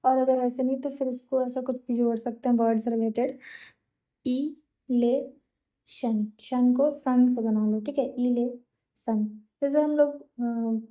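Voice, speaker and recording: Patient Hindi-English tutor woman, bright voice. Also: a little high, fairly even intonation, moderate pace, few pauses. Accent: Uttar Pradesh–Bihar Hindi. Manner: explains patiently, checks in with "theek hai?". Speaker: exam vocabulary teacher.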